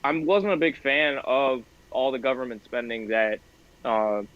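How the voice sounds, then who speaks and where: A man speaks haltingly in a casual debate. He stumbles and apologizes as he works out his points. His voice comes through a dull, lo-fi call. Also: medium pitch, smooth. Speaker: debate guest. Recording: dull lo-fi video call audio.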